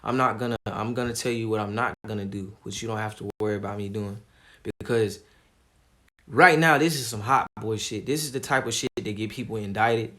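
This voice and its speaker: A man streaming live, talking casually in a calm, laid-back way with plenty of slang. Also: on the low side, brisk. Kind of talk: casual livestream commentary.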